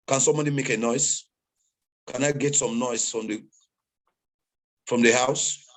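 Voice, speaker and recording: A man's voice: medium pitch, steady tone, measured pace, fairly bright tone. A man hosting an online meeting, giving a preachy motivational talk to the crowd over a video call. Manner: preachy, exhorting crowd, repetitive.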